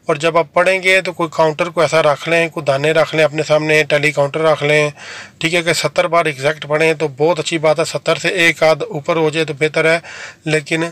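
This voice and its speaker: A man with a fairly high, bright voice walks his listeners through a devotional practice, step by step. He speaks in an even, level tone, repeats points for clarity, calls his audience brother, and slows right down to recite prayers. The sound is close and dry. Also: dry recording. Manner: recites Arabic slowly and carefully. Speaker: spiritual remedies teacher. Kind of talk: casual instructional talk.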